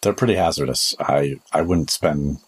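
A man runs a tabletop role-playing game as game master. His voice is extremely deep with a husky grain, and he explains the world and its characters in improvised narration. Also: moderate pace.

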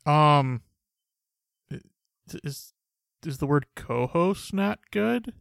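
A young man hosting a podcast, talking in a dry, monotone, sarcastic way. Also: fairly high pitch, extremely slow, gravelly, no echo. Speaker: podcast host. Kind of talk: casual podcast banter.

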